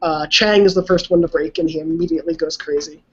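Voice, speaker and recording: A podcast co-host in casual chat who talks in a relaxed way, with many fillers, and retells scenes. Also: mid-range voice, quick pace, breathy edge. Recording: dull lo-fi podcast audio.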